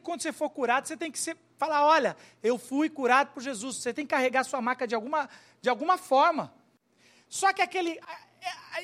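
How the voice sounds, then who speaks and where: Male pastor, high voice, animated storytelling preacher who acts out characters. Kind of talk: sermon.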